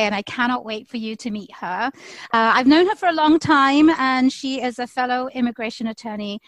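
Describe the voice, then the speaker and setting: A woman's voice: a little high, dry recording. A woman, an immigration attorney, hosting and interviewing on her podcast in an upbeat, welcoming way.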